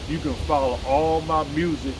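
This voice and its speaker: His voice sits on the high side, with a steady tone and moderate pace, and there's background noise. He's an American vlogger and musician in his sixties delivering a casual solo monologue about his own life, rambling, correcting himself and making blunt, emphatic asides.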